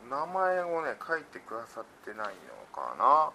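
A man hosting a relaxed radio talk show, reading listener messages aloud and laughing often. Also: fairly high pitch, normal speed, a little hiss or hum. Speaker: radio personality. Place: radio studio.

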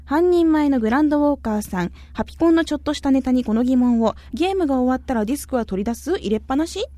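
A woman's voice: sits high, lively intonation, rapid-fire, warm tone, dry recording. A woman with a Kyushu Japanese accent hosting a radio chat show, reading listener messages in a playful, chatty way and slipping into local dialect. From Kumamoto, Japan.

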